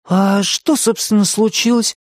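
A narrator voicing a jumpy, boastful young storybook hero who speaks in an excited, demanding way. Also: high voice, moderate pace, dry recording, clean studio sound, pitched above the performer's own voice, natural voice. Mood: bewildered. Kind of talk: audiobook character voice.

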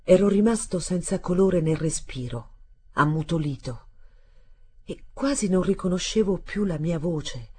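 Husky woman narrating a novel. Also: lowish voice. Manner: measured, expressive reading. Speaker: audiobook reader. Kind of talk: literary audiobook narration.

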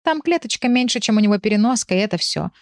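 A sharp-tongued female pet talks bluntly and dismissively, as a woman reader puts her on. The storybook reading is close and dry. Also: medium pitch, expressive, fast, no echo, lightly acted. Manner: snorting, blunt.

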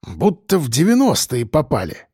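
A grumpy heavyset police chief, as an audiobook reader voices him, gruff and curt, grumbling in short bursts. His voice rides a lively, animated pitch. The sound is close and dry. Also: normal speed, no room sound, exaggerated voice. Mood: grumpy, irritable. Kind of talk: audiobook character voice.

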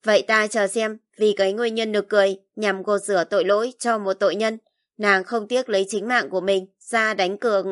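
A woman's voice: mid-range voice, fairly even intonation, brisk, fairly bright tone, lightly acted. A woman voicing a proud, cold young nobleman who speaks in a cool, detached, taunting way, in audiobook narration.

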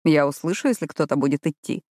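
A woman voicing a calm, self-assured man of twenty-five in an audiobook, speaking with quiet control. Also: deep voice, quick pace, dry recording, studio quality. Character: calm, confident, arrogant young man, age 25. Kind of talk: audiobook reading.

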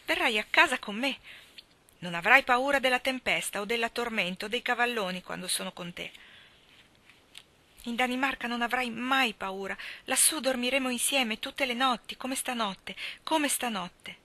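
Passionate young sailor, read by a woman: loud impassioned cries, bright tone, storybook reading. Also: on the high side, moderate pace, voice pushed up. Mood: urgent.

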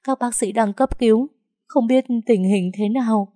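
A woman's voice: a little high, moderate pace, dark tone, dry recording, clean studio sound, pitched above the performer's own voice, close to an everyday voice. A woman voicing an elderly mother crying in panic, talking in broken, wailing phrases. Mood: panicked sobbing.

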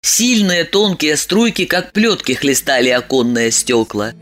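A woman narrates an audiobook with a bright, clear-edged voice and a lively, widely moving pitch. Her reading is expressive and storyteller-like, pushing the tension along. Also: measured pace.

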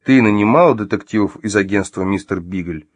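A man's voice: on the low side, brisk, no echo, natural voice. Man doing a growling furious gunman. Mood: menacing. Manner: growling, barking, menacing. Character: furious man interrogating his ex-wife at gunpoint.

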